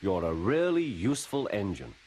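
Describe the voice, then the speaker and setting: A man's voice: on the low side, big pitch swings, normal speed, darkish tone, slight background noise. A man voicing a stern railway boss. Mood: instructing. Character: stout, kindly but stern railway boss.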